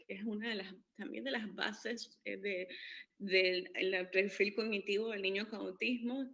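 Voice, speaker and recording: Bright-voiced woman explaining. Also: medium pitch. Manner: hesitant, many fillers and restarts. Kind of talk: informal educational talk.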